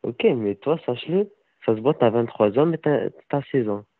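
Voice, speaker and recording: A man's voice: medium pitch, animated, moderate pace. A man in his twenties, a caller in a casual phone chat, cheeky and playfully stubborn. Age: 20s. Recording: tinny phone line.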